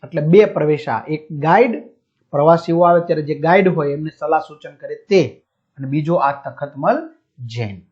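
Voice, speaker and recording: A man's voice: a little high, normal speed, darkish tone, breathy edge. A male teacher explaining a textbook chapter, glossing each word with a simpler one and asking and answering his own questions. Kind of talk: explaining a school textbook lesson. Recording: dull lo-fi audio.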